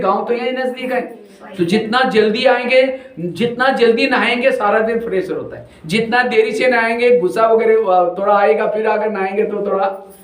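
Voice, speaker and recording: A man with a high voice gives a spiritual discourse in a hall with plenty of echo. He tells simple stories and turns to the listeners with questions. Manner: plain storytelling, asks the audience questions. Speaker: spiritual teacher. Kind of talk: spiritual discourse to a village congregation.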